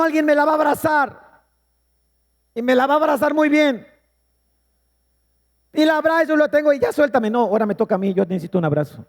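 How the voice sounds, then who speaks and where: A middle-aged man, preaching a sermon with earnest, emphatic personal storytelling. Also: very high-pitched. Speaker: pastor. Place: church hall. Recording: long hall reverb.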